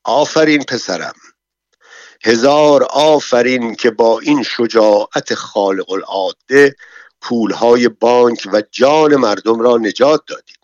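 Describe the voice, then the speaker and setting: A man voicing an older male bank chief who gives loud, commanding orders. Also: mid-range voice, no room sound, natural voice. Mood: praising. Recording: dull, dry, lo-fi recording.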